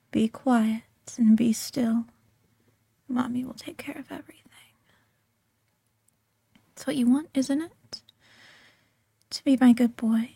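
A woman's voice: a little high, gravelly, mellow, husky, no room sound. A woman performing a whispered audio roleplay close to the microphone, teasing and coaxing in a mostly whispered voice.

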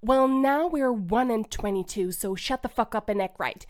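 A woman's voice: a little high, normal speed, close to an everyday voice. A woman playing a hot-tempered, foul-mouthed, bossy ice supervillain twin in a comedic superhero audio drama. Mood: cocky, gloating. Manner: brash, taunting, sweary.

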